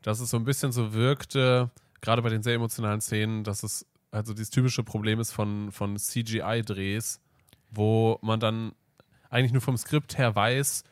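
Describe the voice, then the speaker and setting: A man's voice: on the low side, little pitch movement, moderate pace, no echo, clean studio sound. A man as a guest on a podcast in casual chat, hesitant, trailing off with fillers.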